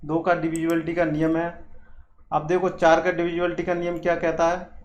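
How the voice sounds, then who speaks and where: A maths teacher, male, gives a classroom lesson in a fairly high, completely flat voice at a brisk pace, often repeating points and answering his own questions. The lo-fi recording was made in an echoey room with faint background hiss.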